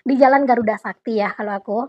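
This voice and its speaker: A young woman vlogger chatting casually at home, answering viewer questions in a relaxed, talkative way and often addressing her viewers directly. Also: a little high, fast. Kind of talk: casual Q&A chat. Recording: dull lo-fi audio.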